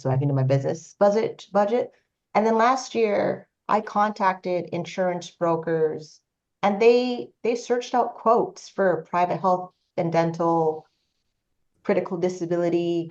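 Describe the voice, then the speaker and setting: A woman's voice: fairly low pitch, a little mellow. Canadian woman late 30s on a panel, rambly matter-of-fact chat, dull muffled sound. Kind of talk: casual panel discussion.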